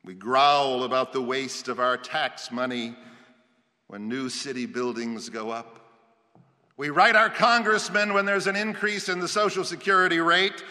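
A man's voice: mid-range voice, a little slow, sharp tone. A male preacher giving a sermon with storytelling, emphatic and rhetorical, building up in lists. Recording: long hall reverb.

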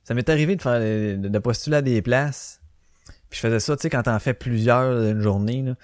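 A man with a Québécois French accent holds forth alone on his podcast, loose and profane, slipping into quoted voices as he tells his stories. His pitch sits in the middle range. The recording is close and dry, with no room sound. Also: normal speed, darkish tone, no echo. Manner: swearing, ranting storyteller who acts out quotes. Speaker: podcast host. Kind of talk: casual solo podcast monologue.

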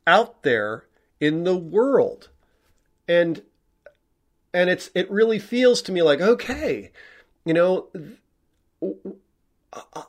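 A man hosting his own podcast, talking alone in a rambling, candid way, with many restarts and fillers. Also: a little high. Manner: candid and self-reflective, sometimes swearing. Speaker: podcast host and filmmaker. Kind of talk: rambling solo podcast monologue.

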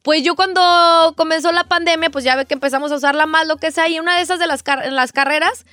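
High-voiced woman co-host. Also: fairly even intonation, quick pace, sharp tone, no echo. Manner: chatty, slangy. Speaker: radio co-host. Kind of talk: casual radio chat.

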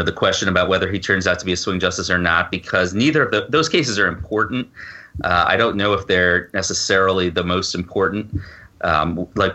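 A middle-aged man with a deep voice that sounds pushed and bright appears as a guest on a casual conversational podcast. A novelist and law professor, he answers informally, stammering a little and thinking out loud.

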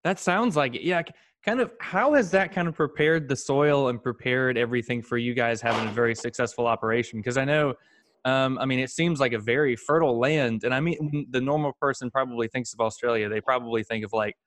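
A man's voice: medium pitch, fairly quick, a bit bright, no room sound, clean studio sound. A man hosting a podcast, speaking in an upbeat, enthusiastic way as he introduces and interviews a guest. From United States. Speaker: podcast host.

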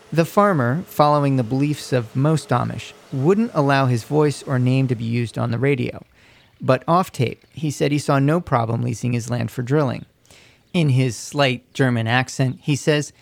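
A man narrating a scripted radio feature report in a measured, descriptive way. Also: medium pitch, gravelly.

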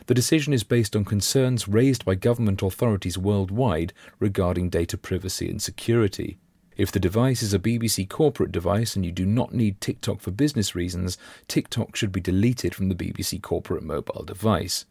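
A man with a croaky, gravelly voice after flu, reading scripted news for a podcast in a measured, formal way. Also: lowish voice, dark tone, dry recording, clean studio sound.

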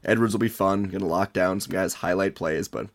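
Lowish-voiced man chatting about sports. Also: a little fast. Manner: informal, conversational. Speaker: podcast co-host. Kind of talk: casual sports podcast chat.

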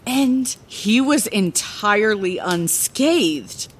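An actress plays an older woman lighthouse keeper reminiscing in a playful, dramatic, conversational way, like bedtime fantasy storytelling in an audio drama. Her delivery is expressive and theatrical, with a medium-pitched, slow voice that has a breathy edge.

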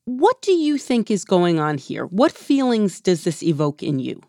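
Lively, curious female interviewer. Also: fairly low pitch, unhurried, vocal fry, dry recording, studio quality. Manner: curious, probing questions. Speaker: podcast host.

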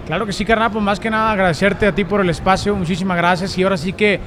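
A man's voice: sits high, steady tone, fast, a crowd in the background. A thirty-year-old man with a Mexican accent, chatting casually and slangily as an interview guest. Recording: noisy outdoor urban event.

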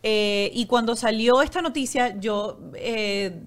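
A woman's voice: a little high, takes it slowly. A woman hosting a casual conversation, asking probing questions in a conversational way with frequent fillers. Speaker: host.

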